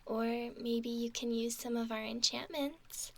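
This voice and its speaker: A woman plays a gentle young mermaid, cooing in a soft, breathy ASMR whisper that sits fairly high and slips into creaky fry. Her pace is very slow and her intonation fairly even, heavily acted as she dotes, reassures, and soothes with whispered, soft speech.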